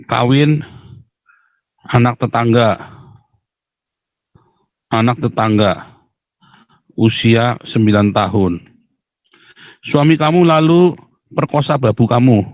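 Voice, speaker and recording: A man's voice: medium pitch, takes it slowly, pauses often, no echo. Host, man, preachy and scornful, mid-range voice, dry room. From Indonesia. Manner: blunt, mocking, lecturing, addresses viewers as "saudara". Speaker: live stream host. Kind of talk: live stream religious commentary.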